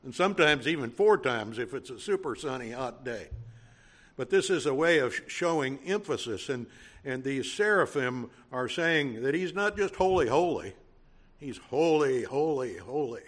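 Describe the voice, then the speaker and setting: Cajun preacher guy, slow and measured, repeats stuff for emphasis. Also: medium pitch, animated, fairly bright tone. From Louisiana. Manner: measured, teaching delivery with emphatic repetition. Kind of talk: sermon.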